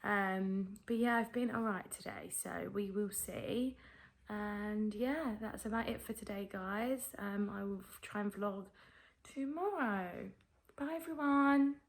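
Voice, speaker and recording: A woman's voice: mid-range voice, slow. A woman vlogger giving a casual video diary, talking carefully and subdued with a thick voice from a sore, swollen throat after tonsil surgery.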